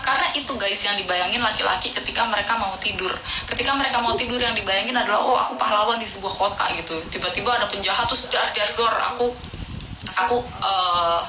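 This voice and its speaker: A woman's voice: mid-range voice, fast talker. A woman in her late thirties giving casual, talkative relationship advice to viewers, full of fillers and restarts. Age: 30s. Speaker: advice vlogger answering viewer questions. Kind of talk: casual chatty advice talk. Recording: echoey room with clear background noise.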